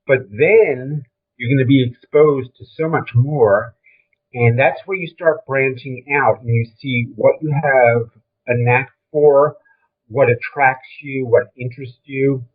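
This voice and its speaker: Older guy w a brooklyn accent, kinda husky, tinny phone sound, chatting bluntly about his career. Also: mid-range voice, slow. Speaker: interview guest, film trailer and design veteran. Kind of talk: conversational career reminiscence. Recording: thin, phone-like call audio.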